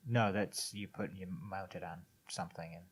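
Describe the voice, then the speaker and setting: A man's voice: low-pitched, steady tone, moderate pace, slightly rough. A man co-hosting a casual podcast, blunt and sarcastic, swearing freely. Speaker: podcast co-host. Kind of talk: casual chat.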